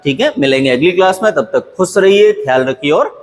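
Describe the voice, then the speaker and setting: A man's voice: on the high side, animated, brisk, a little hiss or hum. Man teaching in a long-reverb room. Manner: drills word pairs, repeating each with checks like 'clear?'. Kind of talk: online exam-prep grammar lesson.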